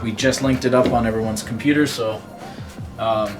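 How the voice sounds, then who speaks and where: A young man, a student, showing his team's code in a relaxed, halting casual interview. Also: mid-range voice. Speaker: student team member. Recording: music bed under voice.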